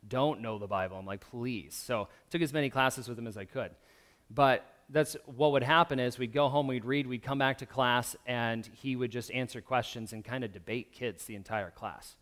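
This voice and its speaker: A man preaching a sermon in a relaxed, conversational way, with frequent fillers and restarts. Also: mid-range voice. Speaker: pastor.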